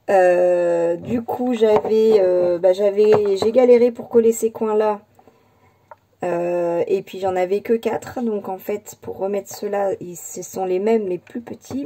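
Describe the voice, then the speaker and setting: A woman's voice: medium pitch, vocal fry, mellow, a little hiss or hum. A woman casually presenting a handmade scrapbook album, hesitant and full of fillers and restarts. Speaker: scrapbooking channel host. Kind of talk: casual crafting show-and-tell.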